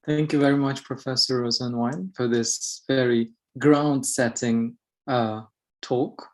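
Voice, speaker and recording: A man's voice: medium pitch, fairly even intonation, unhurried. A man moderating an online seminar, thanking the speaker and opening questions with some hesitation. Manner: hesitant, with fillers and restarts.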